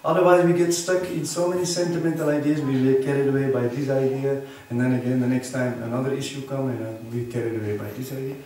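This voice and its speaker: A man's voice: mid-range voice, level tone, fast talker, few pauses, mellow, a little hiss or hum. Man preaching in a very echoey hall. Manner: earnest, quizzes audience with tag questions. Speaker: temple preacher. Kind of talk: sermon on scripture. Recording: very echoey hall, distant mic.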